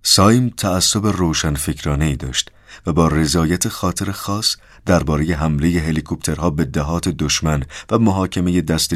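A man reading a novel aloud as an audiobook narrator, in an even, measured way. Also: a bass voice, no echo, clean studio sound.

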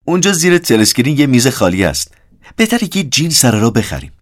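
A man's voice: medium pitch, very animated, no echo, clean studio sound, pitched above the performer's own voice, natural voice. A man voicing a young male lexicographer who speaks eagerly and coldly about gruesome details. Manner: bright, keen, relishing gruesome detail.

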